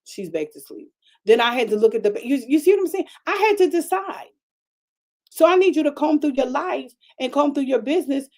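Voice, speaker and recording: Older woman pastor, animated storytelling sermon. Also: medium pitch. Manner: animated, emphatic, talks straight to the audience.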